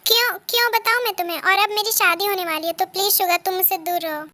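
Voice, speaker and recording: A woman's voice: extremely high pitch, fairly even intonation, quick pace, pushed and bright. A woman voicing a proud young woman who coldly pushes away a suitor, in a fan-fiction dub. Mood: curt. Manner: curt, dismissive. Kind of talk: Hindi fan-fiction dubbing.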